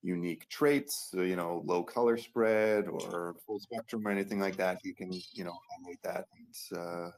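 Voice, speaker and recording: A man hosting a live audio call, relaxed and upbeat, talking with easy fillers. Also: low-pitched, normal speed, hardly any pauses. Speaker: community host. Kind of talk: casual live audio chat. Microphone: computer or phone on a live audio call.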